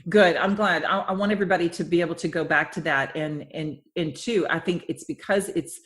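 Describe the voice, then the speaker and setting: A woman in her fifties hosts a podcast interview, her lowish voice brisk and slightly rough. She chats in a rambling, friendly way, restarting often and laughing easily.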